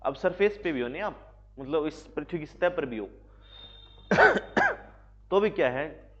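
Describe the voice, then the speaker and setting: This physics teacher's voice sits on the high side, slow, expressive and a bit bright, with a Haryanvi Hindi accent as he lectures a classroom. He keeps asking questions that he then answers himself. The lo-fi recording is slightly dull.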